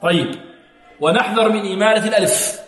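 A man teaching Quranic recitation rules. He asks questions, answers them himself, and chants slow, drawn-out examples. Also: sits high. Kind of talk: tajweed lesson with recited examples. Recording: echoey hall recording.

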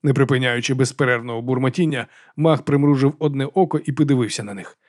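Male audiobook narrator, fast delivery, dry close studio sound. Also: mid-range voice, no room sound. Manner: brisk, steady storytelling. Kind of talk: scripted narration of a dark fantasy novel.

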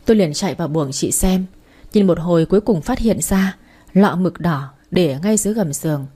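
A woman's voice: on the low side, animated, normal speed, warm tone, husky. A woman narrating a story in the first person.

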